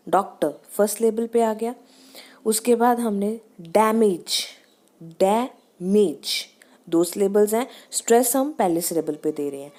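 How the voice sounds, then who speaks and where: A woman teacher gives a pronunciation lesson, reading English lines and explaining them in Hindi while drawing out each example word slowly to show the stress. Her voice is mid-range with a dark tone.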